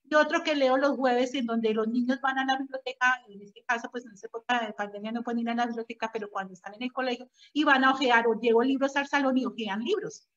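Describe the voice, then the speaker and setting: A woman's voice: a little high, steady tone, fast, few pauses, fairly bright tone. A woman, a preschool teacher explaining her ideas in an interview and telling anecdotes from her classroom. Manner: explanatory, uses personal anecdotes. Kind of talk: conversational interview. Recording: dull lo-fi audio.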